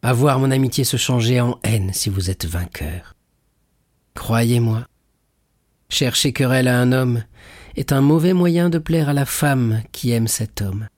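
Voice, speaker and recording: A man's voice: mid-range voice, unhurried, a little mellow, no echo, clean studio sound, lightly acted. A man reading aloud voices a passionate, loyal young fiancée who pleads with fervor in a storybook. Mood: earnest pleading. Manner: fervent, tearful pleading.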